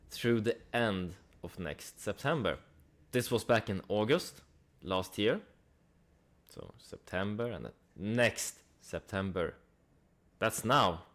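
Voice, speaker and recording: This stock analysis channel host has a voice on the low side with a slight brightness. His investment commentary is casual and conversational, peppered with rhetorical questions and dry asides.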